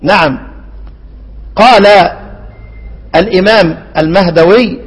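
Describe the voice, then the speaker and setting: A man's voice: sits high, slightly rough, long reverb tail. Egyptian sheikh quizzing his students. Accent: Egyptian Arabic. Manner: asks questions and lets students fill in the answer; chants the verses slowly. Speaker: Quran recitation teacher. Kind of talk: classroom lesson on a recitation poem.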